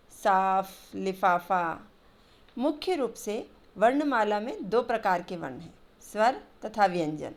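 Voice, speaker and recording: A woman teaching a grammar lesson to children, patiently spelling out letters and sounds one by one over slides. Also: fairly high pitch.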